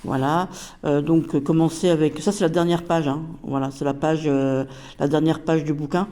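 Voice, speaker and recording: Chatty woman, mellow hesitant delivery. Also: sits low, fairly even intonation, normal speed. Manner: chatty, hesitant, many fillers. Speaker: tarot deck reviewer. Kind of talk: casual product review.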